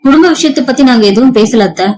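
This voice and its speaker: A woman's voice: high voice, lively intonation, quick pace, darkish tone, low-quality recording. A woman doing a meek, pleading daughter-in-law. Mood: pleading sorrowful. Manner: pleading and sorrowful.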